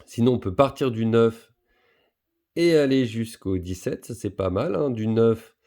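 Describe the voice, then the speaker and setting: A man teaching a recorded primary school lesson, patiently explaining step by step with a lively, rising and falling delivery. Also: mid-range voice, measured pace.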